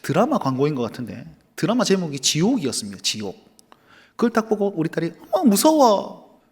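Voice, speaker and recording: A pastor preaches in a church, his voice high for a man and swinging widely in pitch. He talks animatedly and slips into little acted-out exchanges. He is a father of young children. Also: fast talker, husky. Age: adult with young children. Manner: animated preaching, acting out dialogue. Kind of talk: sermon. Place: church sanctuary.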